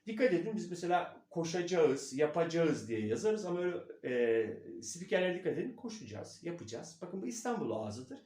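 A man giving a spoken lesson as a speech coach, demonstrative and quick to show examples. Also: sits high, very animated, a little mellow. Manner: demonstrative, breaks into imitations. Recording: echoey room.

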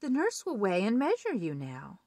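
A woman voicing a kind, calm woman doctor in a storybook, gentle and reassuring. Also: mid-range voice, moderate pace, no room sound, clean studio sound.

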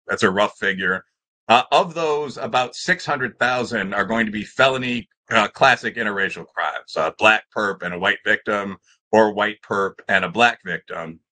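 The recording is low quality, but this middle-aged man's lowish, pushed and bright voice carries as he argues extemporaneously on a panel video call. Seated in a room with bookshelves, he speaks in an academic, discursive and emphatic manner.

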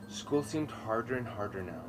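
A thirtysomething man seated on a garden patio reads a children's story with dramatic emphasis, his mid-range voice expressive at a normal speed. Music plays in the background, the audio is poor, and ambient noise is clearly heard behind him.

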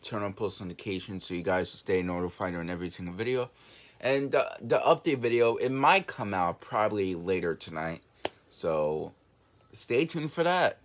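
Young male reaction host, lowish voice, casual, halting, rambling, bedroom recording. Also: expressive. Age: young adult. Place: small bedroom, indoors.

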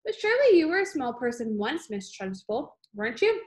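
A woman's voice: high-pitched, very animated, brisk. A woman voicing a brave little schoolboy in a storybook, politely answering back in a matter-of-fact way. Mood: challenging.

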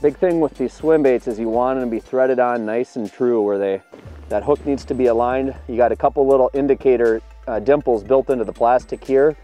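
A man's voice: medium pitch, brisk, faint music behind. Upbeat man explaining fishing tackle outdoors. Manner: upbeat, explanatory, excited at catches. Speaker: fishing video producer. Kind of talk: on-the-water fishing demonstration. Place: open boat on a lake, outdoors.

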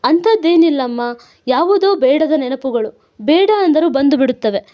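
A woman's voice: sits high, lively intonation, normal speed. A woman voicing a sorrowful middle-aged woman who tells her past in a tearful, reflective way. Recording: dull lo-fi recording.

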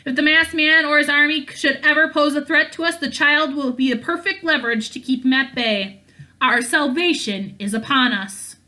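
Moriana read by a woman: ambitious witch, boastful and spiteful, high, bright voice. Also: normal speed.

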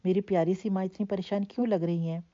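A woman's voice: mid-range voice, fairly even intonation, warm tone, dull audio, close to an everyday voice. A woman reading the lines of a young man who teases and soothes the aunt he loves like a mother. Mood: playful. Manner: light, playful, soothing. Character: young man, affectionate, teasing nephew.

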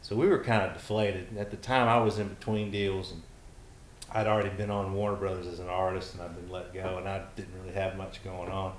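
A man's voice: low voice, fairly quick, echoey room, slight background noise. A man who is a songwriter guest, telling stories casually in an interview, livening up when he quotes people. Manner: animated when quoting others, trailing restarts. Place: back porch studio.

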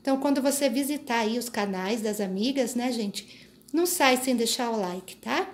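Chatty woman crochet vlogger, fairly high voice. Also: lively intonation, normal speed. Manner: chatty, sprinkles tag questions and asides to viewers. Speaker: crochet channel host. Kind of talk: casual show-and-tell vlog. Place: small craft room indoors, later tabletop close-ups. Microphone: phone held in hand.

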